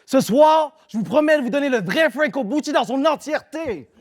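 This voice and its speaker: A man from Quebec with a Québécois accent rapping a live battle verse. His voice sits very high for a man. He hits his rhymes hard and confrontationally. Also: expressive, brisk. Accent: Québécois French. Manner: aggressive rhymed delivery, punchy and confrontational. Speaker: battle rapper. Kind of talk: live battle rap performance.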